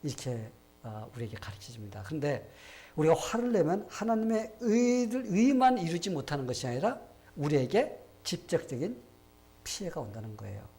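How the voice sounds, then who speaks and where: A man's voice: fairly high pitch, very animated, moderate pace, warm tone. A male pastor preaching a sermon, telling stories and asking the congregation rhetorical questions.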